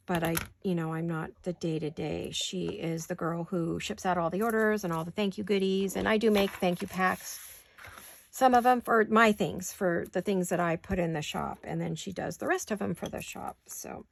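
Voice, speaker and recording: A woman's voice: on the low side, vocal fry, a little hiss or hum. A woman hosting a crafting video, chatting casually and talking to herself as she works. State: hiccups. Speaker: crafting channel host. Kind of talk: casual crafting chat while working.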